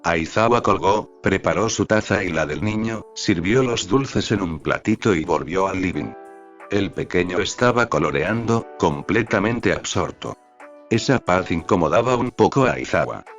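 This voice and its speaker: A man narrating a fan fiction story in a steady, even reading voice. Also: sits low, normal speed. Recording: slightly dull audio with faint background music.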